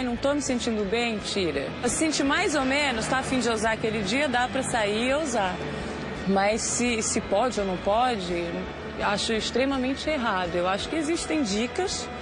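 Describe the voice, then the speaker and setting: A Brazilian woman with a high voice explains things casually. Music plays clearly behind her, along with outdoor city sound. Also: brisk.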